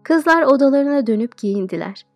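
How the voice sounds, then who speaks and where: A woman teacher reading an audiobook aloud, narrating in a steady, expressive storytelling way. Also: sits high, normal speed, dry recording, soft background music.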